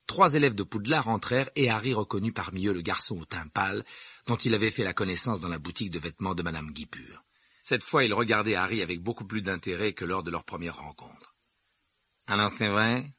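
A man calmly narrating a novel in a steady reading voice. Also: slightly rough, no room sound. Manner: calm, lowered narrating voice. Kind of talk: audiobook reading.

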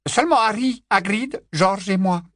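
A man's voice: sits high, moderate pace, fairly bright tone, no echo, clean studio sound, pitched above the performer's own voice. A man reading an audiobook, voicing a tense, earnest middle-aged wizard with raised, urgent speech.

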